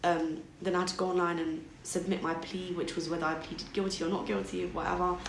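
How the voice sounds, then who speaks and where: A woman's voice: fairly low pitch, flat delivery, fairly quick, gravelly, noisy background. A young British woman telling a personal story in a casual, chatty way, full of fillers. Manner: chatty, filler-heavy, acts out quoted dialogue. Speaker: vlogger. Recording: echoey room.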